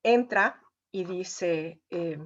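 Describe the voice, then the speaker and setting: A woman's voice: lowish voice, drawn-out words, muffled recording. Woman telling an emotional story. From Mexico. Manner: emotional, lots of "o sea" and "eh" fillers. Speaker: painter, interview guest. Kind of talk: conversational storytelling.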